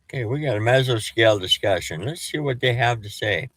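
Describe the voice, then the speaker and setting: A man giving a casual, rambling weather update as a storm chaser, with a halting delivery and s sounds that whistle through false teeth. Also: medium pitch, lively intonation, fairly bright tone, slightly rough, no room sound.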